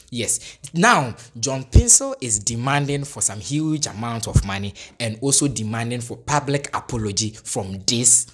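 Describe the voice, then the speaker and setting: A man from Ghana talks through the sports news on his own channel, his Ghanaian English accent clear as he goes. His voice sits at an ordinary middle pitch. He repeats "yes" often and restarts sentences as he works through the story. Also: a bit bright. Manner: repetitive, punctuates with "yes", frequent restarts, chuckles. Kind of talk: solo sports news commentary.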